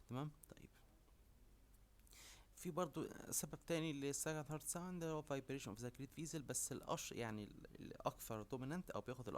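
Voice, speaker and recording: A young man with an Egyptian Arabic accent giving a casual lecture, mixing in English terms and constantly asking if students follow. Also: medium pitch. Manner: quizzing, constantly asks "okay?". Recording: faint background noise.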